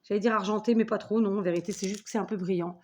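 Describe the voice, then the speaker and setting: A woman's voice: mid-range voice, fairly even intonation, very fast, darkish tone. A woman in her forties hosting a scrapbooking video at home, chatting enthusiastically as she opens gifts and thanks the sender. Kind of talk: casual unboxing chat.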